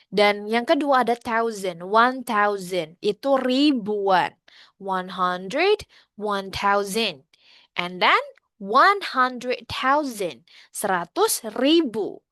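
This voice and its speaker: Slow-spoken Indonesian woman teaching English. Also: medium pitch, a bit bright, no room sound. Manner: patient, slow drills, asks students to answer in chat. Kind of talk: online class teaching, mixing Indonesian and English.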